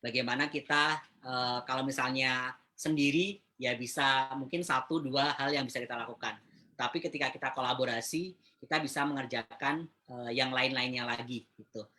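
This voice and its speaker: A man presenting a webinar in a casual, chatty way, often pausing with hesitant fillers as he addresses the viewers. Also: mid-range voice, fairly even intonation, sharp tone. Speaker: webinar speaker.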